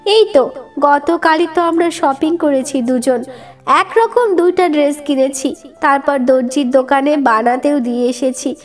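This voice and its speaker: A woman's voice: high-pitched, a little slow. A woman reading a first-person story aloud with emotive, dramatic narration. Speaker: story reader. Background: faint background music.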